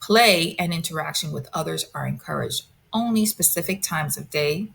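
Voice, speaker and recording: Gravelly low-voiced woman lecturing. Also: animated, moderate pace, fairly bright tone. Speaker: presenter. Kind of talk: reading a scripted lecture.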